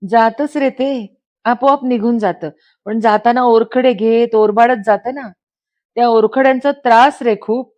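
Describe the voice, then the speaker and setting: A woman's voice: fairly high pitch, fairly even intonation, a little slow, darkish tone, dull audio, pitched above the performer's own voice, natural voice. A woman voicing a hurt young pregnant wife who speaks in a pleading, reproachful way close to tears, in a dramatized story reading. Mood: tearful.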